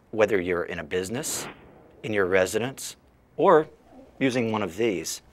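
A middle-aged man speaking for a tech company in an interview, in a measured, explanatory way. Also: low voice, fairly bright tone. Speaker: company spokesman.

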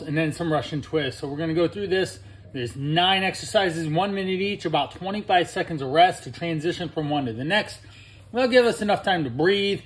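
A man in his thirties, a fitness coach, talking through a workout in an energetic, instructive way in his home barn gym. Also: on the high side. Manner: energetic, instructive, brisk cues. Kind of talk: workout vlog narration. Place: large home gym in a barn with metal walls. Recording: echoey barn room.

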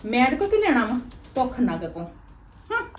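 A woman's voice: a little high, wildly swooping pitch, fairly quick, soft background music. A woman playing a scheming, bossy elder sister. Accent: Punjabi. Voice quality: scornful, bossy. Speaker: elder sister in a village family drama. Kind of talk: Punjabi web drama acting.

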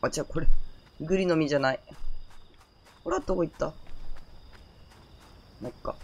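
A woman streaming a game, her throat sore and a little hoarse, muttering to herself and reacting to the gameplay in casual commentary. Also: deep voice, sing-song, normal speed, a little mellow, slight background noise. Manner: talks to herself, muttering and exclaiming over gameplay.

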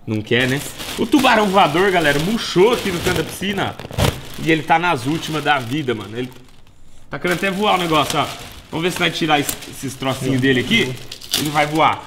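A man's voice: a little high, expressive, brisk, background noise. A young man with a Brazilian accent vlogging casually, talking in slang to his viewers and his dog. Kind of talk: casual vlog talk. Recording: voice with loud background music.

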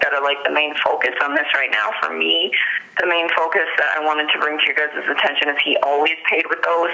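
On a thin, low-quality phone line, an American woman recounts events as a witness in an interview. Her low, gravelly voice has a sharp tone, and she speaks hesitantly, saying "like" often.

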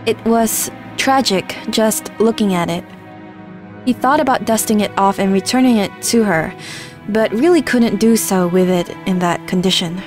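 A woman's voice: mid-range voice, moderate pace, a little mellow, faint music behind. A woman streamer reading game narration aloud with earnest storytelling and wry asides.

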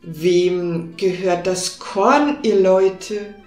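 A woman voicing a dignified fairy-tale king, speaking slowly and grandly. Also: lowish voice, a little mellow. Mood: stately. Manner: slow and dignified. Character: slow, stately, amazed old king. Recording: roomy with faint music behind.

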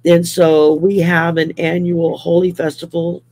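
A woman in her sixties from Louisiana, USA, appears as a guest on a video call from a room at home, chatting casually. Her lowish, darkish voice is flat and a little slow. She rambles, uses many fillers, and laughs often.

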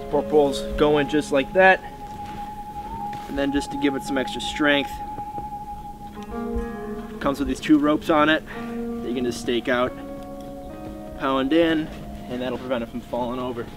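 Out in the snowy woods, a young man in his twenties runs a casual bushcraft tutorial for his channel, filling his explanations with ums and long pauses. His mid-range voice is fairly even at normal speed, with music playing underneath.

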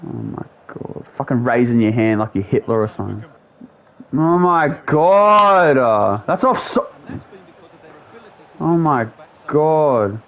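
A man giving angry, profanity-laden commentary as he plays a football video game, ranting and exasperated. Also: mid-range voice. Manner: ranting, heavy swearing, exasperated outbursts. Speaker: gamer.

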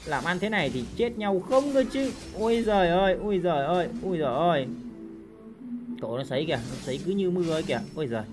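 An excitable woman game streamer, her voice on the low side and her pace quick, commentates on live gameplay over game music and sound effects. She keeps breaking into loud exclamations and repeated cries.

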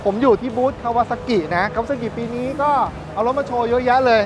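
A man in his thirties presenting bikes at a busy indoor motor show in a lively, chatty way, speaking into a lapel mic. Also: extremely high pitch, moderate pace. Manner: lively, chatty, points things out. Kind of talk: casual walkaround presentation. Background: music.

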